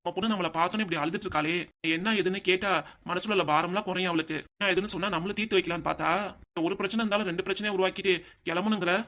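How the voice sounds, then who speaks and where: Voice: medium pitch, fairly even intonation, very fast, a bit bright, natural voice. A voice actor playing a caring older village father in a cartoon family drama, soothing and coaxing in manner. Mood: scolding.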